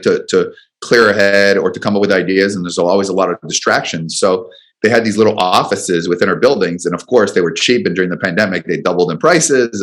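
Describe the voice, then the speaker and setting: A very deep-voiced man holds forth as a radio guest. He tells a rambling story in his own words and slips into quick voices for the people in it. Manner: rambling, animated storytelling with acted quotes. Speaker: business coach guest.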